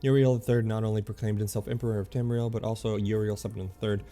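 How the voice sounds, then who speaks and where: A man streaming a game, reading its lore aloud in a halting way, often stumbling and correcting himself. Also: lowish voice, steady tone, dark tone, faint music behind.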